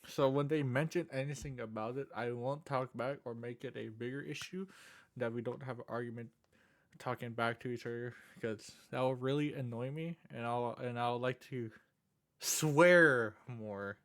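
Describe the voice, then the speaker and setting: A man with a slushy lisp and slightly slurred words, talking casually and haltingly as he introduces himself in a vlog, often repeating phrases. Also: mid-range voice, a bit bright. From Canada. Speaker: content creator and streamer.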